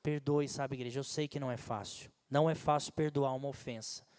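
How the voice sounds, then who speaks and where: A man pastor preaching a sermon to his church in a conversational, animated way. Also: mid-range voice, a little fast, smooth. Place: church sanctuary. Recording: long hall reverb from a church.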